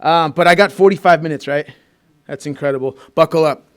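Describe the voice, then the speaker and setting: A man's voice: on the high side, brisk, slight background noise. A man from Peru, raised in Southern California, giving a heartfelt personal recovery share as the main speaker at a meeting in a school room, talking loosely with fillers and restarts.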